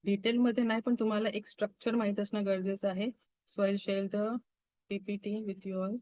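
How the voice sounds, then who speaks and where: A woman's voice: medium pitch, flat delivery, darkish tone. A woman teaching a Reiki class over a video call, often checking in with her students and slipping English phrases into her speech. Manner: asks the class quick check-in questions. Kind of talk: online class lecture. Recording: dull, dry video-call audio.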